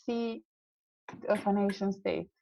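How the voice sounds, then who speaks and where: A woman's voice: medium pitch, fairly even intonation, slow pace, creaky, mellow, a little hiss or hum, rough recording. A young woman from Serbia, a guest in a casual interview, talking earnestly and idealistically with many fillers and restarts. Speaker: guest, climate scientist.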